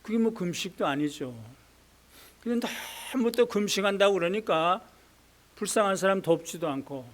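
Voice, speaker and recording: A man's voice: high-pitched, animated, normal speed. A man preaching a sermon as pastor, earnestly repeating key phrases and affirming himself with a firm "yes.". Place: church.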